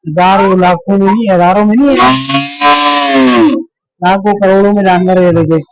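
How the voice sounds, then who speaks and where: A man's voice: high-pitched, steady tone, moderate pace, heavy background noise. A man, chatting casually through a walking vlog at a livestock expo, repeating himself and joking with animals and passers-by. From Pakistan. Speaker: vlogger. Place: busy indoor livestock expo hall.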